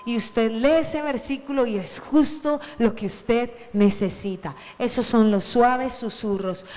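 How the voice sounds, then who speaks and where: A woman preacher giving a lively sermon, acting out the shouts of the Bible story as she retells it. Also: on the high side, in a large hall. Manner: animated, acts out shouted Bible quotes.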